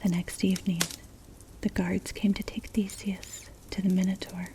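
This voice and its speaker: A woman narrating a story for ASMR in a breathy, unvoiced whisper, gentle and measured, close to the mic. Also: medium pitch, flat delivery. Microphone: close mic, ear-to-ear ASMR. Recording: clear background noise, clicks. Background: crackling fire.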